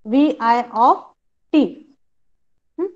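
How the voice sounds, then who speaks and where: Woman lecturer, measured and slow overall, checks the class often; muffled low-fi sound. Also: expressive. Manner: switches between quick Marathi and slow, spaced-out English; quizzes students with short questions. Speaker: teacher.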